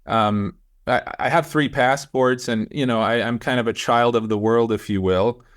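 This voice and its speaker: A man's voice: mid-range voice, steady tone, moderate pace. A man from Switzerland, a producer-director guest in a casual interview chat, easygoing and self-deprecating.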